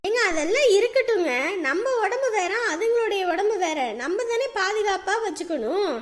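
An actress playing a patient hospital nurse who reassures a worried mother and gently lectures her. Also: very high voice, animated, normal speed. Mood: reassuring.

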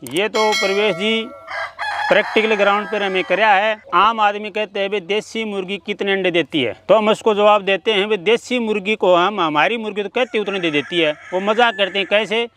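A middle-aged poultry farmer speaks earnestly in an outdoor interview, walking through his work step by step. His voice is high, bright and forceful, with a steady tone at normal speed and a slight hiss or hum. He's recorded on a handheld mic at mid distance on a farm, with chickens clucking and crowing around him.

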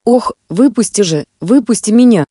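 A woman voicing a boastful, threatening male spirit from a bottle in a read-aloud fairy tale, with a mellow tone in a dry, close recording. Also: mid-range voice, moderate pace, no room sound, lightly acted. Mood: coaxing. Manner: threatening, later pleading.

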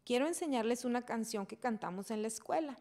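A woman voicing a kind, eager young schoolgirl who talks in a bright, encouraging way. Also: a little high, lively intonation, a little fast.

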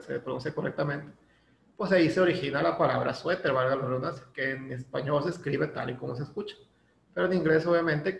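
A man with a Mexican Spanish accent and a slightly high, creaky voice teaches an English lesson in a chatty way, full of fillers and tag questions. It's a casual classroom lesson, recorded in an echoey room with faint background noise.

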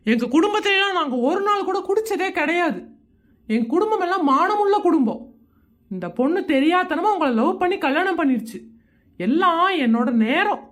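A woman's voice: very high-pitched, animated, normal speed. A woman voicing a drunk old father-in-law in a Tamil cartoon, fond and slurring at times, stern and lecturing at others. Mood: stern scolding. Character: tipsy doting old father-in-law, later a scolding patriarch.

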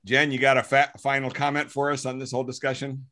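A man's voice: mid-range voice, completely flat delivery, fast talker, pushed and bright. A man hosting a casual conversation, upbeat as he wraps things up and thanks his guests. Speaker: host.

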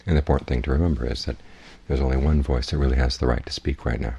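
This Buddhist teacher guides a meditation in a husky bass, giving calm, plain instructions at a measured rate. His intonation stays fairly even and the sound is mellow.

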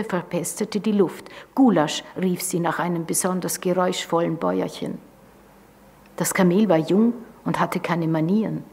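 A woman with an Austrian German accent reads literary prose aloud in a calm, measured way. Her voice is husky and sits on the low side. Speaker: author reading. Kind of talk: literary reading.

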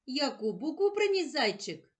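A woman teacher speaks slowly to young children, stretching out each sound and syllable. Her fairly high voice rises and falls a great deal, giving even plain instructions a sing-song lilt. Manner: clear, drawn-out sounding of letters and syllables. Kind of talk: slow lesson for young children.

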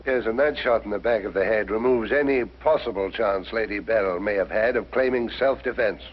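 An actor playing a dutiful police inspector with an English accent, formal, earnest and a little hesitant, in a 1950s mystery drama. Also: male voice, on the low side, brisk, breathy edge. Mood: matter-of-fact. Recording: dull 1950s soundtrack with music.

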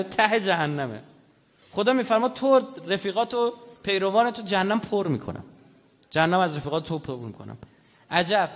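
A man giving a public religious lecture, telling stories in an animated way and putting questions to the audience. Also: fairly high pitch. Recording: echoey hall reverb.

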